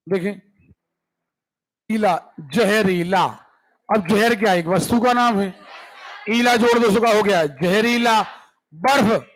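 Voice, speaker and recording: A male teacher with a high voice talks very slowly and deliberately. He drills word lists one by one and keeps pausing to ask his class whether they have understood. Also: a bit bright, rough recording. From India. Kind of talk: classroom grammar lesson.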